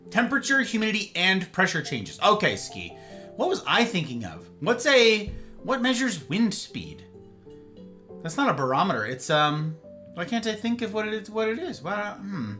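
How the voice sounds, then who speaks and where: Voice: mid-range voice, big pitch swings, moderate pace, sharp tone, soft background music. A live streamer host chatting casually with viewers in a playful, rambling way, full of silly slang.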